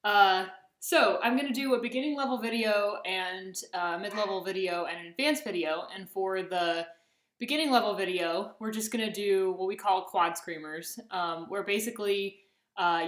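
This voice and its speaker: A woman's voice: mid-range voice, normal speed, fairly bright tone. A woman working as a fencing coach, giving step-by-step exercise instructions and often checking in as she demonstrates. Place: echoey indoor room. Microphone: camera at a distance. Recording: very echoey room, distant microphone.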